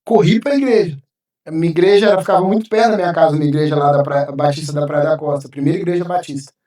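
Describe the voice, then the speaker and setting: A man's voice: fairly high pitch, racing, mellow. A man, a pastor giving an emotional personal testimony as a podcast guest, acting out what he once said. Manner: emotional, vivid storytelling, acting out his own past words. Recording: roomy sound, mic at a distance.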